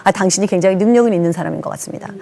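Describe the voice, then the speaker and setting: A woman's voice: medium pitch, rapid-fire, gravelly, mellow. A Korean woman pastor in her sixties giving an earnest, emphatic testimony sermon, acting out the lines she quotes.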